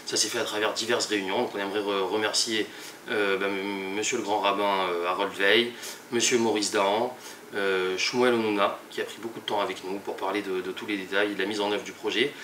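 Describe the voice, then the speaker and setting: A young man, a teacher, presenting a project in a halting way with many pauses and restarts. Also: fairly low pitch, level tone, a bit bright, a little hiss or hum. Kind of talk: hesitant spoken presentation. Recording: echoey room, mic at a distance.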